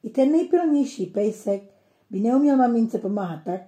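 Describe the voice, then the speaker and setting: Kindly old grandpa for a children's storybook, read by a woman, gentle and mellow. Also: a little high, animated, echoey room, pitched above the performer's own voice, natural voice. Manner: gentle, teaching tone.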